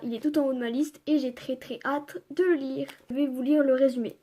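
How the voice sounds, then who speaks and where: A woman's voice: high-pitched, steady tone, brisk, dark tone. A young woman chatting casually about her manga purchases, reading blurbs aloud, with many fillers and gushing remarks. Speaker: manga haul vlogger.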